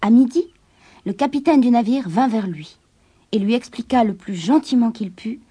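A woman reading a storybook aloud in an expressive, dramatic way, sometimes dropping to a whisper. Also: fairly high pitch, moderate pace, breathy edge.

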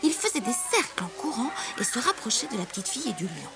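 Expressive woman reading a children's story. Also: a little high, fast talker, over loud music. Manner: expressive, dramatic narration.

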